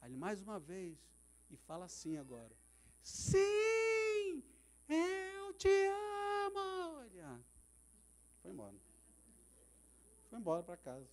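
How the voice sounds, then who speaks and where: High-voiced, animated Brazilian pastor preaching. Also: male voice, moderate pace, long pauses. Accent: Brazilian Portuguese. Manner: dramatic storytelling, acting out quoted voices. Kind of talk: sermon. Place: church service.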